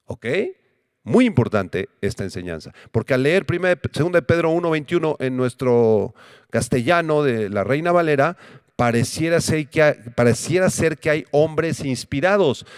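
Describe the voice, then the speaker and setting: A man preaching a Bible-teaching sermon as pastor, asking rhetorical questions and answering them himself, and slowing down to repeat key words. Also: fairly high pitch, clear, resonant tone, dry recording, studio quality. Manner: emphatic, repeats key words slowly for note-taking.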